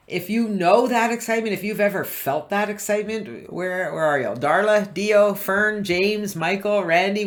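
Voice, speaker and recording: A woman business coach giving a live online training, animated and constantly quizzing her listeners. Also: lowish voice. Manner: animated, keeps quizzing the audience. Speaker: business coach presenting a webinar.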